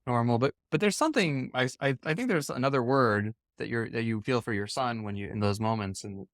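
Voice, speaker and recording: Middle-aged male coach, mid-pitched, dry close sound, probing and searching. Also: fairly quick, no echo. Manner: probing, uses many fillers and restarts. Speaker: coach and podcast co-host. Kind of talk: coaching conversation.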